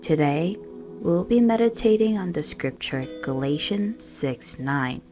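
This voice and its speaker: A woman guides a prayerful meditation in a low, soothing voice with lively intonation, speaking very slowly and pausing between phrases. Gentle guitar music plays softly underneath.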